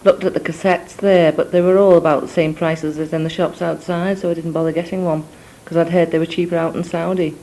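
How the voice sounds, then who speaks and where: Speaking briskly with few pauses, a young woman delivers a rambling cassette letter to family in a flat, dark, lowish voice, her accent a mix of Scouse and Scottish. Ums and asides pepper the talk, recorded indoors on a cassette or dictaphone at low quality.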